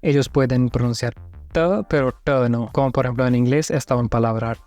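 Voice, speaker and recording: A man's voice: mid-range voice, steady tone, a little fast, darkish tone, dry recording, faint music behind. A man from India whose first language is Hindi, hosting and reacting to a lesson video. He talks casually, stops to comment and asks the listener questions. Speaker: channel host reacting to a video.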